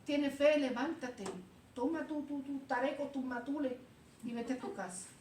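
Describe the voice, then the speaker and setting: High-voiced woman preaching. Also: normal speed, slight background noise. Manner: animated, acts out Bible voices, calls listeners "hermano". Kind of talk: informal sermon. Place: church. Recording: echoey room, heard from a distance.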